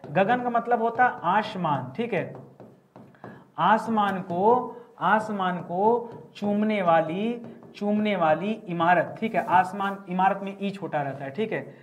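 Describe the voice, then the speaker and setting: A man teaching a grammar class, asking each answer back to his students and repeating it. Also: high-pitched. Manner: repeats each word as a question to the class, addresses students as friends. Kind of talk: classroom lesson at a board.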